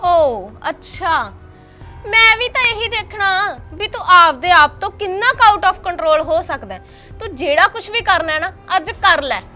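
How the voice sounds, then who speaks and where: A woman's voice: very high-pitched, lively intonation, measured pace, faint music behind, exaggerated voice. A woman acting a fed-up young wife who works as a housemaid and scolds her husband in a short drama film. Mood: angry, defiant. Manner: sharp-tongued, scolding, taunting.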